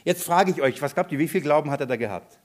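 High-voiced man preaching, animated, keeps firing questions at the church. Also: fast talker. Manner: animated, asks the congregation questions. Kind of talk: sermon.

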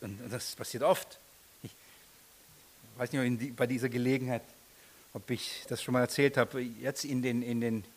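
A middle-aged man, telling a personal story in a sermon, often restarting and laughing at himself. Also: mid-range voice.

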